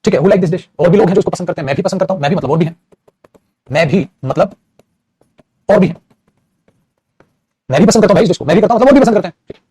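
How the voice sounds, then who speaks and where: A man's voice: sits high, expressive, quick pace, pauses often, dark tone, breathy edge, no echo. A male teacher giving a repetitive classroom-style grammar lesson, often calling his students "beta" and praising them. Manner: repetitive, addresses students as "beta", frequent "very good". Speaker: English teacher.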